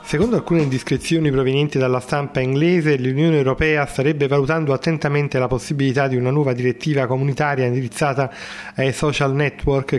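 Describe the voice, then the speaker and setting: A man working as a radio host, presenting and reading news. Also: medium pitch.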